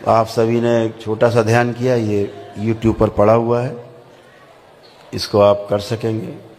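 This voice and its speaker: A man calmly guiding a group through a meditation session, giving slow spoken instructions. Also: on the low side, slight background noise. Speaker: meditation guide. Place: large hall with a gathering. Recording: echoey hall, faint ambience.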